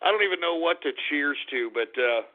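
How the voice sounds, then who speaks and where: A radio host whose voice has been pitched up into a chipmunk voice, ranting and swearing in exasperation. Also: male voice, animated, brisk. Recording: tinny phone-like radio sound.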